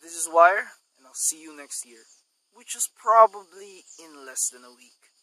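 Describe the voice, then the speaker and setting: Bright-voiced rambling man vlogging outdoors. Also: expressive, measured pace, dry recording, rough recording. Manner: rambling, chatty, coaxes a dog in a high voice. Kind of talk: casual outdoor vlog. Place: outdoors at a sunny resort in the morning. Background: insects and crickets.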